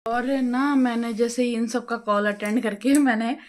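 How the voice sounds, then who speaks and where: A middle-aged woman vlogger chatting at home, talkative and quick with her words. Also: a little high, steady tone. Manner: talkative, fast-talking. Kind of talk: casual home vlog chat. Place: home, balcony and kitchen.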